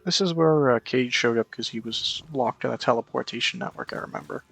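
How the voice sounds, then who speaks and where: A man's voice: mid-range voice, fairly quick, gravelly, a bit bright, breathy edge. A man streaming a game, rambling and correcting himself as he thinks aloud. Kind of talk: casual gameplay commentary.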